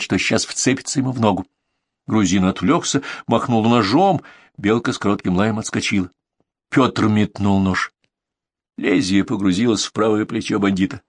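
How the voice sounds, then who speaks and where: A man narrating an adventure audiobook in an expressive, storytelling manner. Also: mid-range voice, dry recording, studio quality. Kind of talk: scripted narration.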